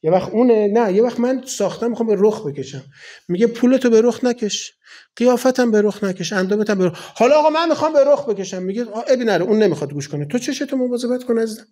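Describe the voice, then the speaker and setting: A man's voice: high voice, lively intonation, warm tone. A man in his forties from Iran, a cleric giving a colloquial, conversational sermon full of rhetorical questions. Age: 40s.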